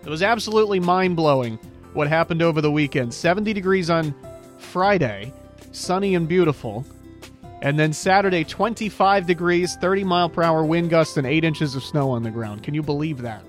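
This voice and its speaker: Guy doing a smooth easygoing radio host thing, kinda high voice, studio mic, faint music under him. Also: moderate pace. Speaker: radio call-in show host. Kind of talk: casual local radio call-in chat.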